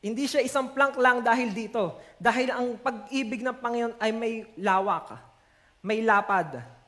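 A man with a Filipino accent preaching a sermon to a congregation, slowing down to stress verses and switching between Tagalog and English. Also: very high voice, sharp tone.

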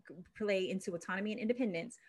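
A woman's voice: medium pitch, racing. Upbeat woman podcast host. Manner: upbeat, laughs often, addresses listeners. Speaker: podcast host, relationship expert. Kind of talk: casual interview chat.

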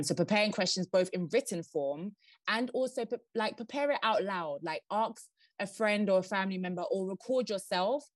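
A woman guest on a podcast giving interview tips, who says she talks fast and laughs now and then. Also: medium pitch, no echo. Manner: fast-talking, laughs often.

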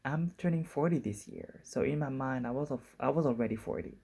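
A woman's voice: a bass voice, a little fast, dark tone, husky. A woman in her forties hosting a solo podcast in a casual, musing way, often circling back and restarting her thoughts. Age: 40s. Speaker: podcast host.

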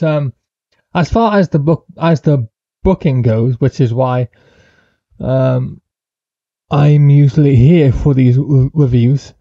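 Slow-talking man, mellow, lo-fi audio. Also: fairly high pitch, no room sound. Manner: slow, rambling opinions on booking, with hesitations. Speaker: guest co-host. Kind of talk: casual wrestling review podcast.

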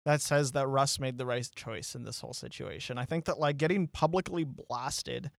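A man co-hosting a casual sports podcast, animated and teasing, rambling with lots of fillers. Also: medium pitch, normal speed, creaky, dry recording, studio quality. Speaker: podcast co-host.

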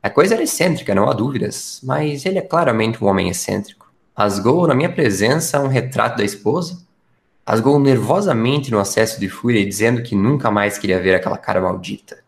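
A man's voice: medium pitch, lively intonation, a little fast, creaky. A man playing a detective's earnest, impressionable companion in a radio drama, recounting findings expressively. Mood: earnest reporting.

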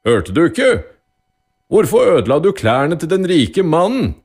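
A man playing a stern, short-tempered judge in a storybook radio play, a little higher and much louder than his narrating voice. He presses his questions hard and sounds fed up. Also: huge pitch swings, breathy edge, full character voice. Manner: loud, demanding questions. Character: stern, irritated male judge.

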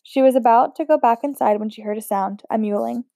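A woman reads a novel aloud in a mellow, fairly high voice, steady and unpolished, now and then stumbling and restarting a word. The recording is dry and close, with no room sound. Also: brisk, gravelly, no room sound. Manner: steady, unpolished reading with occasional slips and restarts. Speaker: audiobook reader.

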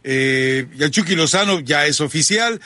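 Presentador mexicano de voz brillante. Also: male voice, fairly high pitch, lively intonation, bright, forceful tone, no room sound. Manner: brisk, leads segments and breaks. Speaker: host. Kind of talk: sports talk show hosting.

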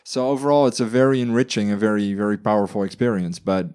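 A man's voice: on the low side, quick pace, darkish tone, clean tone. A man from the Netherlands, podcast co-host, talking casually with frequent restarts and laughs. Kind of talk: casual conversation.

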